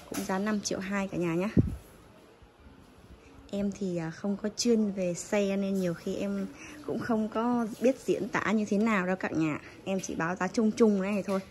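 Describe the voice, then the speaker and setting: A woman's voice: mid-range voice, steady tone, moderate pace. A woman giving a casual, polite sales walkthrough as a seller, listing items and prices to customers while filming on a handheld phone. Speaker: bicycle seller. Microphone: phone held while filming. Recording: noisy handheld phone recording.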